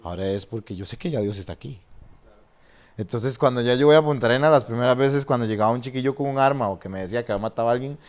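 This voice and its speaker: A man who is a pastor, telling stories and preaching in a lively way and often restarting his sentences. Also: medium pitch, rapid-fire. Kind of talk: animated storytelling and preaching in a podcast conversation.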